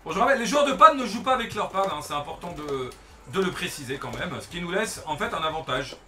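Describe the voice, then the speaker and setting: A man's voice: high-pitched, lively intonation, quick pace, bright, forceful tone, distant mic. A man commentating casually on a fighting-game team match as its announcer. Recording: busy room with crowd chatter. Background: crowd chatter.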